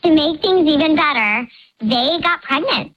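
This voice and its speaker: A woman's voice: high-pitched, expressive, unhurried. A woman calling in anonymously through a voice changer, telling a confession story in a chatty, sheepish way. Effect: voice changer disguising her voice. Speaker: anonymous caller. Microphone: phone line. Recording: dull lo-fi phone audio.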